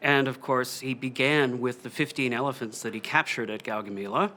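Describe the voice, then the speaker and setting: A man's voice: mid-range voice, steady tone, brisk, pushed and bright, a little hiss or hum. Middle-aged male expert in documentary interview. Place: indoors in a book-lined room.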